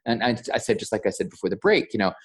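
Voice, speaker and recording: A man's voice: on the low side, racing. Guy on a podcast telling a work story, stutters and repeats himself, acts out the back-and-forth. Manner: stammering, animated retelling with acted-out quotes. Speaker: voiceover coach, podcast guest. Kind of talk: casual interview storytelling.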